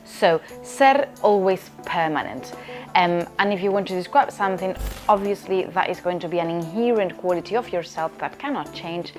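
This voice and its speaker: A woman's voice: lowish voice, expressive, normal speed, darkish tone, faint music behind. A woman from Spain, a language teacher explaining grammar in an online lesson, often checking in with "okay?". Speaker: Spanish teacher.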